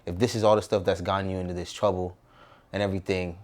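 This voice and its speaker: A fast-talking man in his twenties with an American accent, from Southern California, speaks casually and reflectively as a guest in an interview. His voice sits low and is a little mellow, with a level tone.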